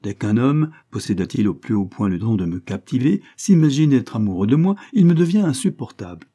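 A man's voice: mid-range voice, big pitch swings, a little fast, warm tone. A man reading an audiobook, voicing a proud, capricious young noblewoman who talks in a mocking, imperious way.

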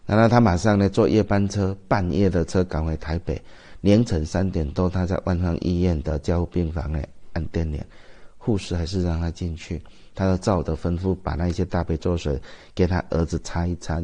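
A man's voice: sits low, dark tone. A man with a Taiwanese Mandarin accent, a Buddhist master giving a dharma talk, telling stories and asking the audience rhetorical questions.

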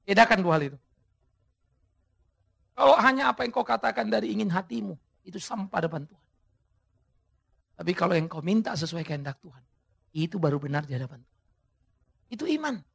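Male pastor preaching, kinda high husky voice, big swoopy delivery, yells out the key lines. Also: lively intonation, fairly quick, pauses often. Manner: dramatic preaching with sudden shouted emphases; addresses the congregation directly. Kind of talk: sermon.

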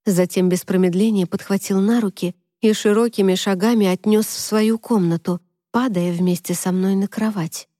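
Woman narrating with a dark, mellow voice. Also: mid-range voice, dry recording, clean studio sound. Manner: steady, measured storytelling. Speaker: audiobook narrator. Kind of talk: scripted first-person narration.

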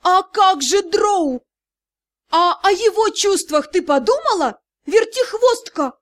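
A fussy older lady secretary in a fantasy storybook, shrill and easily flustered, her voice climbing very high. A woman narrator acts her out. She speaks with a loud, accusing edge. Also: extremely slow, dry recording.

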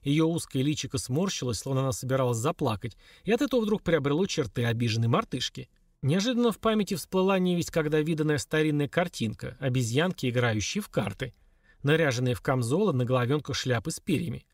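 A man reading a novel aloud in an expressive storytelling manner. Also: medium pitch, quick pace, no echo, clean studio sound. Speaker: audiobook reader. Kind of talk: scripted narration.

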